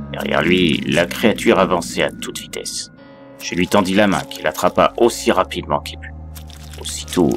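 A man reading a first-person horror story in a dramatic storytelling style. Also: sits low. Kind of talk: creepypasta narration. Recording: narration over loud music.

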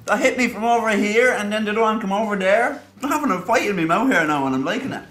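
A person with an Irish accent, reacting excitably while tasting food. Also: medium pitch, quick pace. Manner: excitable, exclamatory. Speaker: taste tester. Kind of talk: casual chat. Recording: echoey room with faint music.

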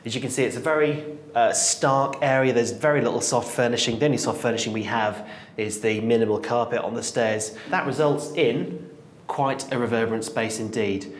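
A man, an applications engineer, giving a calm and measured technical explanation in a bare stairwell, where flutter echo bounces between the walls. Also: mid-range voice.

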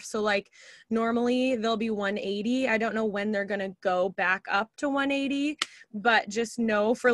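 A woman's voice: medium pitch, fairly bright tone, no echo, studio quality. A woman coaching her team on a video call, chatty and upbeat with lots of filler words, a little tired from short sleep.

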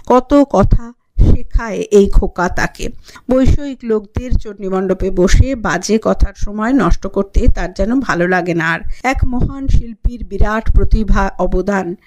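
A woman's voice: on the high side, a little mellow. Woman reading a literary audiobook. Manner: measured, clear reading, announcing page numbers. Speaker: audiobook narrator.

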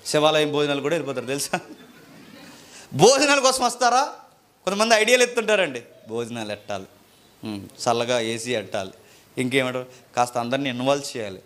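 A male pastor preaching a sermon, moving between forceful shouted rebukes and low, mocking asides.

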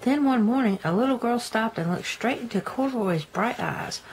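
Older grandmotherly woman reading aloud, animated. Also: a little high, normal speed, poor audio. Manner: grandmotherly, folksy, chatting to the listener. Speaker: storybook reader, a granny. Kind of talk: read-aloud children's storytelling with homely asides. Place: indoors, book held in front of camera. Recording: noticeable room noise.

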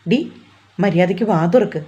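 A woman's voice: fairly low pitch, moderate pace, warm tone, lo-fi sound, natural voice. Woman reading a teasing, bossy young fiancé. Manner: teasing, coaxing, commanding.

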